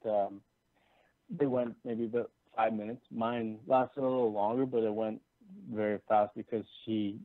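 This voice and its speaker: A man from Canada calling in over a breaking-up voice call line, telling his story in a halting way with many restarts. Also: lowish voice, vocal fry, no echo. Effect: heard over a breaking-up voice call line. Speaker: caller. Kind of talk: casual phone-in conversation. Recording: tinny, dry voice call line.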